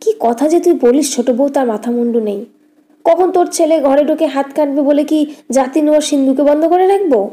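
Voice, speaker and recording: A woman's voice: sits high, moderate pace, warm tone, close to an everyday voice. Woman voicing a scolding elder sister-in-law. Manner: scolding, raised scornful tone. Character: sharp-tongued elder sister-in-law, middle-aged woman. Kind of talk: audiobook character reading.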